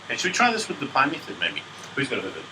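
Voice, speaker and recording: A man's voice: mid-range voice, huge pitch swings, very fast, distant mic, noisy background. A male teacher, telling a playful story in a maths lesson and feigning confusion to draw out his pupils. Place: classroom.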